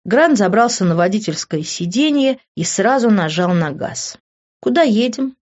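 A woman narrates a first-person audiobook in an expressive, story-driven way. Her voice sits at a middling pitch, and the recording sounds slightly muffled and dull. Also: normal speed.

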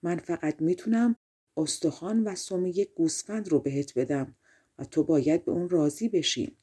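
Woman reading as a wise male fox, storybook, soft advising tone, breathy, mellow. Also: fairly low pitch.

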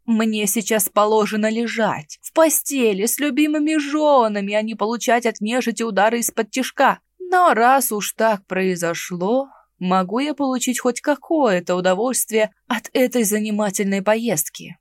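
A woman's voice: a little high, expressive, normal speed, few pauses, dry recording, clean studio sound, close to an everyday voice. A woman voicing a languid, showy incubus brother in an audiobook, drawling and mocking.

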